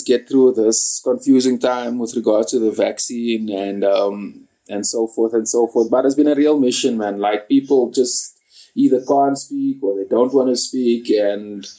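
Male podcast host on an echoey call app, mellow voice, halting and rambling. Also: mid-range voice. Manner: halting, rambling, many restarts. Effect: echo on his voice from a call app. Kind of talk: casual interview chat. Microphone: online call app.

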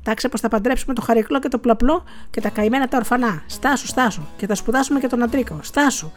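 A fussy, superstitious housewife presses her husband over and over, her voice shrill and insistent, as a woman reading the story puts her on. The voice sits high and climbs higher as she pushes. Soft music plays under the reading. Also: natural voice.

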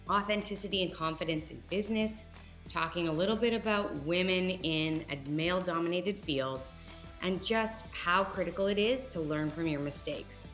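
Light music runs under this podcast, where the host, a woman from Canada in her thirties, speaks on the low side with a bit of brightness. Her hosting and interview chat is upbeat and enthusiastic.

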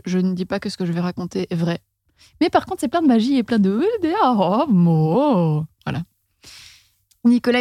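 With a medium-pitched, darkish voice, a woman hosts a relaxed, funny storytelling conversation full of slang, laughing along as she talks. The studio-quality recording has no room sound.

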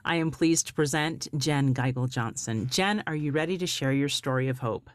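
A woman hosting an interview podcast, with a low, soothing voice, presenting and asking questions. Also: moderate pace, dry recording. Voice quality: low, soothing, beautiful speaking voice. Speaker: podcast host. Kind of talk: scripted show introduction and interview.

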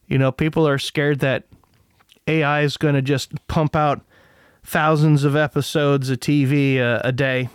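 A man's voice: fairly high pitch, little pitch movement, measured pace, clear, resonant tone, no room sound, studio quality. A man hosting a podcast, talking in a rambling, profane, opinionated way. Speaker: podcast host. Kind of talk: casual monologue.

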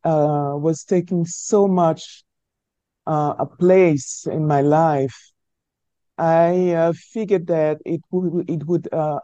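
Middle-aged woman guest, stammering restarts, warm low-key tone, muffled lo-fi line. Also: no room sound. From Cameroon. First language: French. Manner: hesitant, searching for words, frequent stammered restarts. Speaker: author guest. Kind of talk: conversational interview answers.

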